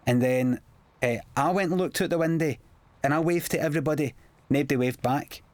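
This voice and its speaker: A man's voice: a little high, a little fast, darkish tone, no room sound. A Scottish man giving casual DVD commentary on his comedy show, chatty and self-mocking, telling anecdotes in local slang.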